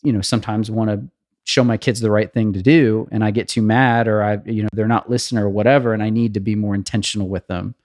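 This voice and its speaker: A man in his thirties talking earnestly on a podcast, thinking out loud and often restarting sentences. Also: fairly low pitch, fairly even intonation, fast, no echo, studio quality. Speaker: podcast co-host. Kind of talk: casual podcast conversation.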